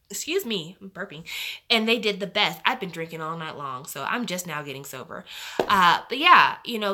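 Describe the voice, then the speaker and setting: A woman's voice: fairly low pitch, sharp tone. A young woman hosting a live stream, chatting casually and giving strong opinions with lots of fillers. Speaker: livestream host.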